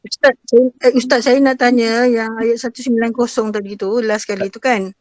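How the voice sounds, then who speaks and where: Seorang pelajar wanita berloghat Melayu Malaysia bertanya soalan tajwid dengan sopan kepada gurunya melalui panggilan video. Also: female voice, fairly high pitch, steady tone, brisk, dry recording. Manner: polite, questioning. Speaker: student.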